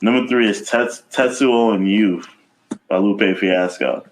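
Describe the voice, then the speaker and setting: Low-voiced man swearing in casual chat. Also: unhurried, a little hiss or hum, poor audio. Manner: swears freely, animated storytelling. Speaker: podcast co-host.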